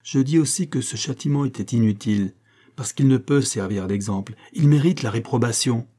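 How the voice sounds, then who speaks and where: A man's voice: medium pitch, normal speed, dark tone, close to an everyday voice. A man reading the part of a proud, indignant Japanese baron in an audiobook, in a declaiming, oratorical manner. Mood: indignant oratory.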